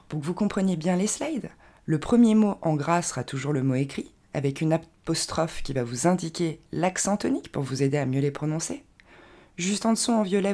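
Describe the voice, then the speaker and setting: Female pronunciation teacher, deep and gravelly, lively intonation, patient and methodical. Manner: clear, patient instruction with slow, careful demonstration of English words. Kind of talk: French-language pronunciation lesson.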